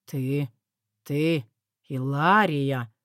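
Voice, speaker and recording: A scheming young lord, sly and lustful, who draws out his words with quiet menace, as a woman narrator performs him. His voice sits low. It sounds dry and close, with no room around it. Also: dry recording. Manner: low, menacing, drawn-out lines. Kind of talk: audiobook character voice.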